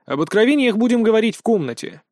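Man doing a teasing young lady, higher pitched, dry close sound. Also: big pitch swings, fast, a little mellow, dry recording. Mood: coy.

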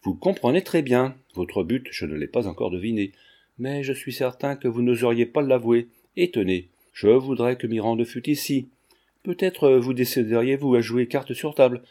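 A man reading the lines of a stern young gentleman who curtly accuses a lady. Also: medium pitch, normal speed, close to an everyday voice. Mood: accusing. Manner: curt and accusing.

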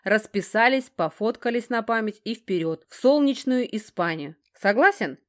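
A woman's voice: on the high side, expressive, moderate pace, voice pushed up, close to an everyday voice. Woman playing a brash, joking young man.

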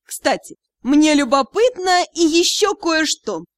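Женщина читает лукавого призрака-духа смерти. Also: female voice, a little high, animated, normal speed, no echo, clean studio sound, close to an everyday voice. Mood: sly. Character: sly ghostly female spirit of death, cunning.

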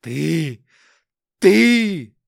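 A furious inspector bellows accusations, put on by a male narrator. His voice climbs high and cracks with rage. It sounds close and dry. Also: very animated, very slow, gravelly, no room sound, full character voice. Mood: enraged shouting. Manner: shouting, voice shaking with rage.

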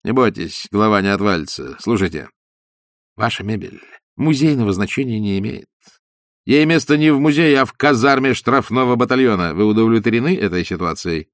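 A man's voice: fairly low pitch, animated, a little fast, no room sound, clean studio sound. Ostap, a man doing a brash, confident swindler. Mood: boastful. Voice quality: commanding, theatrical. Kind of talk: audiobook character voice.

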